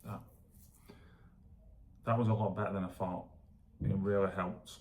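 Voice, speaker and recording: A man with a gravelly voice chatting casually as a vlogger, thinking aloud in a self-deprecating, rambling way while demonstrating exercises. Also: low-pitched, darkish tone, a little hiss or hum. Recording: echoey room.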